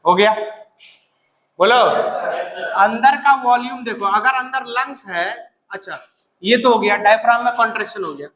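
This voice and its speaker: A man teaching a classroom lesson in a very high, sharp voice that rings through an echoey room with a long reverb tail. He dictates slowly, keeps urging students to answer, and scolds them bluntly. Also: slight background noise. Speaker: biology teacher. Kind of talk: classroom lecture.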